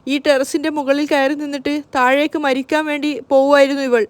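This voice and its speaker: A woman voicing a grieving middle-aged mother who scolds and pleads through her distress, speaking slowly. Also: high-pitched, little pitch movement, dry recording, close to an everyday voice. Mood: anguished. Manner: slow, anguished scolding.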